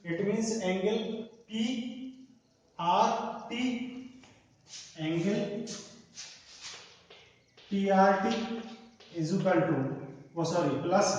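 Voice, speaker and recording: A man's voice: high-pitched, a little mellow, slight background noise. A man teaching a maths lesson, often asking the class questions and answering them himself. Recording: echoey room, distant from mic.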